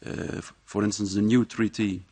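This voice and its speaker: A man speaking as a professor, giving a measured, reflective talk to a live audience. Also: fairly low pitch, level tone, warm tone, breathy edge, no room sound. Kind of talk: public speech at a presentation. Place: live event before an audience.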